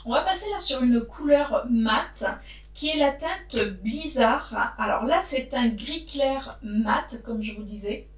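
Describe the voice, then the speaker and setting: A woman chatting casually to her viewers as she reviews makeup, often pausing to hesitate and talking straight to the camera. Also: sits high, animated, reverberant. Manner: chatty, frequent hesitations, addresses viewers directly. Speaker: beauty vlogger.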